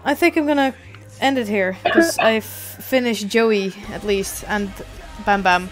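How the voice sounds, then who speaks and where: Young woman, casual stream chat, rambling, mid-pitched voice, faint music behind. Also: measured pace. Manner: rambling, self-deprecating, swears casually.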